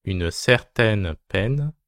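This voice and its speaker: Male teacher dictating: lowish voice, very slow phrase-by-phrase delivery, punctuation read out. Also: expressive, a bit bright, no room sound, studio quality. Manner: dictating slowly phrase by phrase, punctuation spoken aloud. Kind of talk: dictation reading, repeated short phrases.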